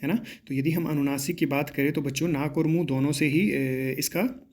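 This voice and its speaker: A man teaching as he works through mock exam questions, often checking in with the class and pausing with drawn-out hesitations. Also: on the high side, fairly even intonation, darkish tone. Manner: repetitive, checks in with "है ना" and "ठीक है".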